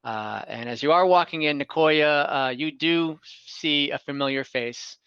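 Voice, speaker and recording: Here a dungeon master narrates a scene in a relaxed way, stumbling through fillers and correcting himself as he goes. He sounds a little high, a bit slow, smooth and slightly bright. The recording is dry, though the online sound is lo-fi and somewhat dull.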